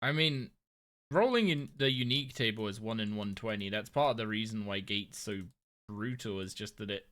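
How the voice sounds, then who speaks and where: A man's voice: lowish voice, moderate pace, a bit bright. A tired, yawning young man chatting casually on a live game stream, rambling and thinking aloud as he plays. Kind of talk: casual live-stream chat while playing.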